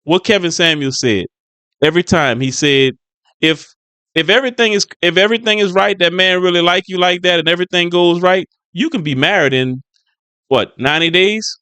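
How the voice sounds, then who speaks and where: A middle-aged man comments casually on a clip. His voice sits a little high and sounds dry and close. He repeats himself and turns folksy and preachy about faith. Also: brisk, sharp tone, smooth, no room sound. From New Orleans, Louisiana. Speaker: commentator reacting to clips.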